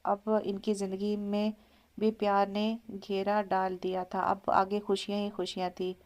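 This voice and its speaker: A woman narrates a romantic audio novel, and she voices the dialogue herself. Her pitch barely moves, so the reading sounds flat and steady throughout. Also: measured pace.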